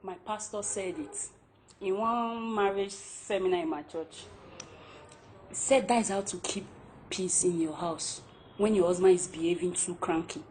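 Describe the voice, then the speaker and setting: A woman's voice: mid-range voice, measured pace, darkish tone, slight background noise, natural voice. A woman with a Nigerian accent playing an unmarried friend in a film drama. She speaks earnestly and gives advice. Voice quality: earnest, advising. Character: unmarried female friend, calm and preachy. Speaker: film actor.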